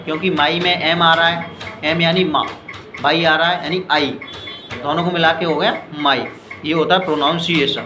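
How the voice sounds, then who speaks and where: A man's voice: fairly high pitch, fairly even intonation. An Indian man teaching spoken English in Hindi, explaining step by step and often asking whether his students understood. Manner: explains slowly, asks "clear?" and "ठीक है" often; reads English examples very slowly and deliberately. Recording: echoey room with noisy background.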